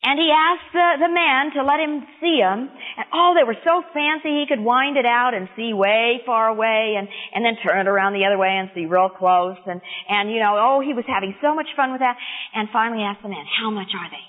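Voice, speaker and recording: Older female storyteller, animated and engaging with kids, tinny phone-like audio with a long reverb. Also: fairly high pitch, brisk. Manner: animated, expressive, asks listeners questions. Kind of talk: children's storytelling.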